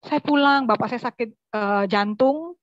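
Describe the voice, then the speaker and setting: A fairly high-voiced woman from West Sumatra tells her story as a church testimony. She speaks earnestly and keeps turning to her listeners. The sound is dry and dull, with a lo-fi quality. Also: measured pace, dry recording. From West Sumatra, Indonesia. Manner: earnest, addresses listeners as brothers and sisters.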